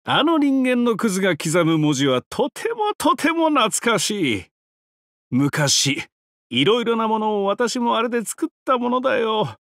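In these game voice lines, a heavily acted, very animated high voice plays a captive giant-god who is a depraved, mocking trickster. He sounds smug and theatrical, taunting while stretching his words, with abrupt swoops and cackles. It's studio quality with no echo.

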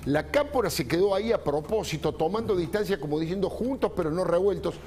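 Ironic studio analyst. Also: male voice, high-pitched, fast, darkish tone, a little hiss or hum. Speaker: TV panelist. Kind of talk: studio panel discussion. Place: TV news studio.

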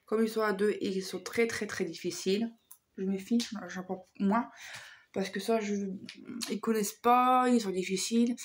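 A woman vlogger with a hoarse voice chatting casually through a shopping haul, hesitant and full of fillers. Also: medium pitch, fairly even intonation, moderate pace.

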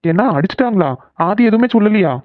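A man's voice: sits high, lively intonation, fast talker, dry recording. A man playing a young boyfriend in a cartoon, soothing and pleading as he comforts his girlfriend. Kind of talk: cartoon voice acting. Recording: phone-like narrow sound.

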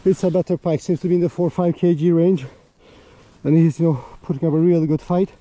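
Excited man, breathless, outdoors on the ice, high voice, bright and forceful tone. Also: brisk, no room sound. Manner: excitable, breathless, talks to viewers as guys. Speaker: fishing vlogger. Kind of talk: excited live commentary while ice fishing. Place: outdoors on a frozen lake.

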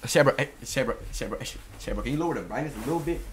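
A man's voice: mid-range voice, expressive, very fast, slightly rough. A young man livestreaming casually, talking in hyped frat-bro slang to his chat. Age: teens to young adult. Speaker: live streamer. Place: bedroom at home, indoors.

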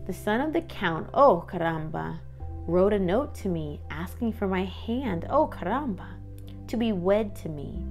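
A woman with a lowish, slightly mellow voice and some vocal fry reads a children's picture book aloud as a read-aloud host. English is her first language. She reads expressively, with sing-song rhymes and informal asides.

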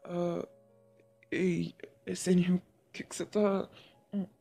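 A gentle, bashful young photographer, played by a man in a whispered role-play, speaking slowly to the listener. His voice is soft and breathy, with faint music playing in the background. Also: sits high, steady tone, heavily acted. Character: young male photographer, shy and sweet.

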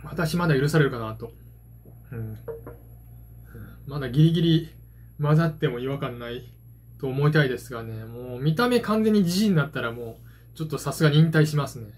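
A Japanese card game hobbyist in his forties vlogs from a small, dim room at home, rambling casually to a phone propped at arm's length. His mid-range, darkish, slightly rough voice moves a little fast with frequent pauses, full of hesitant, self-deprecating asides.

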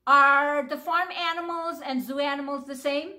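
Reading aloud to young kids at normal speed, a woman teacher stays animated and stops to ask them questions. Her voice is pitched high.

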